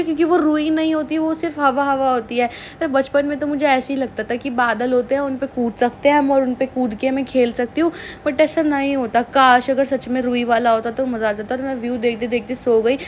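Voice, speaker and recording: A woman's voice: high-pitched, a little hiss or hum. A young woman from India narrating a travel vlog in a chatty, playfully complaining way. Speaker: vlogger. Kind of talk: casual travel vlog voice-over.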